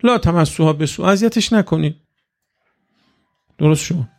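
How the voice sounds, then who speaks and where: A man's voice: on the high side, darkish tone. A man giving a conversational religious lecture, full of rhetorical questions put to his listeners. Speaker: cleric.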